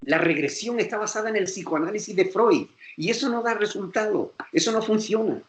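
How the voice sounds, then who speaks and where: A man's voice: high-pitched, expressive, brisk, reverberant. A male pastor with a Spain Spanish accent, preaching emphatically and acting out quoted voices. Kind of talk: sermon lecture.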